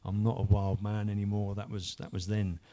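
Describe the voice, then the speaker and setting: A church member in his 50s relates his personal testimony in a warm, lowish voice with a level tone and normal speed. He tells his own story earnestly, though it rambles and is full of restarts.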